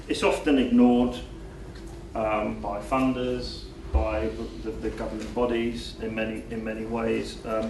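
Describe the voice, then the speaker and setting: A man gives a hesitant speech, stumbling over restarts and ums in a low, flat voice. He is heard from afar in an echoey hall, with clear noise behind him. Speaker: chair of a guidance group. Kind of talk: speech at an event. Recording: echoey hall, distant mic, background noise.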